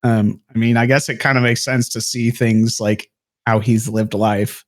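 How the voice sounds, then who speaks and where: Male podcast guest, easygoing, mid pitch, hesitant fillers. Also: little pitch movement, normal speed. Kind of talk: casual book discussion.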